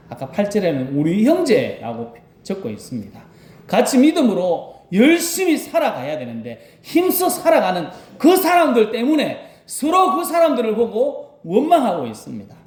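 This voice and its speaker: A man, a rural pastor, preaching a sermon with Bible reading, dramatic, acting out cries and repeating key phrases for emphasis. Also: high-pitched. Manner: dramatic, acts out cries with sudden loud bursts. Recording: roomy echo.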